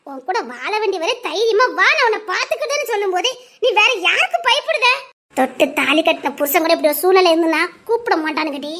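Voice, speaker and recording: Woman as pleading village wife, Tirunelveli Tamil accent, very high-pitched. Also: sing-song, fast talker, a bit bright, full character voice. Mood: scolding. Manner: emotional, pleading. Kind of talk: melodramatic village drama acting.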